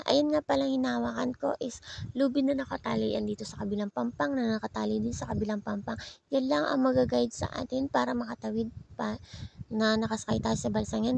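A vlogger from Bicol, Philippines, narrates her vlog voice-over in a chatty, playful, self-mocking way. Her voice is fairly high, gravelly and darkish in tone.

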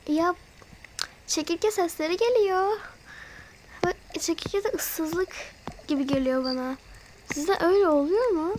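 Her pitch is extremely high and her pace measured, with frequent pauses and noise in the background. The woman is a chatty channel host who scares easily, gasping and fretting as she addresses viewers directly and voices a role-play over a mobile game.

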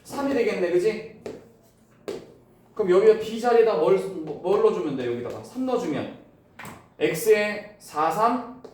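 A man teaching a classroom math lesson, explaining step by step and firing quick questions at his students. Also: sits high, animated, darkish tone, a little hiss or hum. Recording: echoey room, voice from far off.

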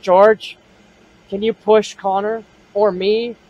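A man hosting a paranormal investigation vlog outdoors, putting questions to spirits in a husky voice. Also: sits high, flat delivery, slow pace, dry recording, lo-fi sound. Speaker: ghost-hunting vlog host. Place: outdoors in a cemetery at night.

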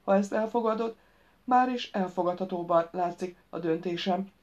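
Lady doing a calm wry woman lecturing kids, lowish voice, dull sound. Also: lightly acted.

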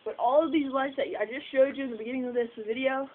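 A woman's voice: high-pitched, steady tone, fast. A young woman chatting casually for a vlog, rambling with lots of fillers and the odd swear, recorded outdoors at night on a phone camera set far away. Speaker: vlogger. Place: outdoors at night by a house porch. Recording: tinny phone audio outdoors with noise.

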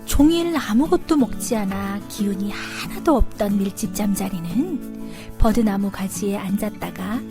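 A woman's voice: mid-range voice, normal speed. A woman storyteller reading a scripted children's story as narrator. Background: background music.

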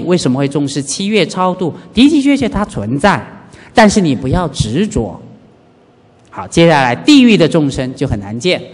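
A man, a Buddhist monk, giving a lively dharma lecture and acting out everyday scenes. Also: a little high. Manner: animated, urges listeners to pay attention, acts out everyday scenes. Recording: reverberant hall.

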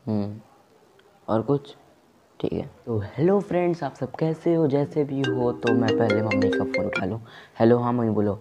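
A young man performing a comic sketch of one-sided phone calls, exasperated and repeatedly restarting his greeting. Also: lowish voice. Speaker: comedy sketch creator. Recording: loud background music.

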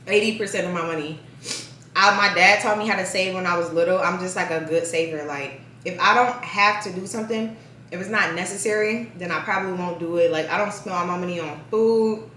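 A young woman vlogger chats casually while eating in a mukbang, saying "like" constantly in a chatty way. Her voice sits on the low side with a sharp tone. The room is echoey, the mic is at a distance, and a little hiss or hum comes through.

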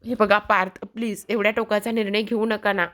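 A woman's voice: medium pitch, level tone, brisk, a bit bright, close to an everyday voice. A woman voicing a remorseful young wife in a TV serial recap, pleading and apologetic.

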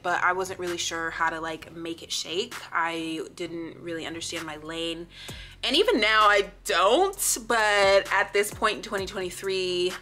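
A vlogger in her late twenties from the Pacific Northwest of the USA tells a casual story to camera in a sassy, playful, blunt way. Her voice is on the low side, pushed and bright.

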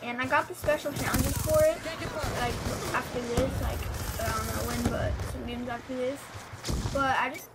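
High-pitched woman talking with braces. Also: fairly even intonation, normal speed, heavy background noise. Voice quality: slurred speech from wearing braces. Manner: rambling, hesitant. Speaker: gaming video creator. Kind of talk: casual gameplay commentary.

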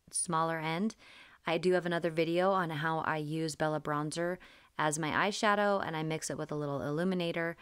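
A woman's voice: low-pitched, smooth. A woman in her thirties casually talking through her makeup steps as she applies them, recorded on a phone inside a car. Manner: relaxed step-by-step explaining while applying makeup. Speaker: makeup vlogger. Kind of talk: casual makeup tutorial narration. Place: inside a parked car, daylight. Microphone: phone camera close up.

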